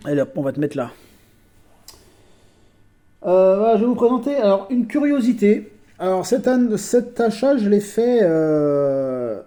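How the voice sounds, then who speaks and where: A man with a mellow, dark voice talks casually to his viewers from home. He is chatty and hesitant, often pausing on fillers and restarting his sentences. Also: on the high side. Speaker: collector vlogger. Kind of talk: casual chat.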